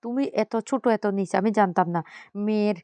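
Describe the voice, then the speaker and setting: A woman voicing a hurt middle-aged mother who reproaches her husband in halting phrases. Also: medium pitch, mellow, clear, resonant tone, no echo, lightly acted. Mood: reproachful.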